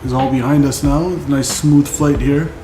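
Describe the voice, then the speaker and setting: A man's voice: mid-range voice, flat delivery, moderate pace, dark tone, roomy sound, slight background noise. A man giving casual running commentary as a flight sim streamer, thinking aloud and reading out figures. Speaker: flight simulator live streamer.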